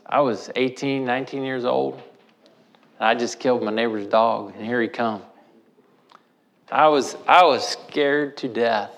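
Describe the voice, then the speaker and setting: A man's voice: mid-range voice, gravelly. A man from Missouri preaching, telling a personal story in a folksy, vivid way with rural turns of phrase. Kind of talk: storytelling sermon.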